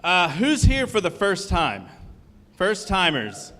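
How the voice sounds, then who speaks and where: A man's voice: sits high, wildly swooping pitch, takes it slowly, a bit bright. A man hosting a live event on stage, joking with the audience and a little out of breath. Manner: joking, upbeat, addresses the crowd directly. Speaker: event host. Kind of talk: live stand-up style emceeing.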